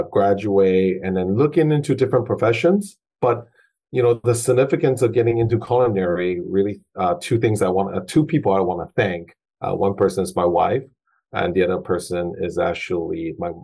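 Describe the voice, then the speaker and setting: A man's voice: low-pitched, moderate pace, mellow. A man in his forties, originally from Taiwan, talking as a guest chef in a casual interview, with frequent fillers and restarts. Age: 40s. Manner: hesitant, many fillers and restarts.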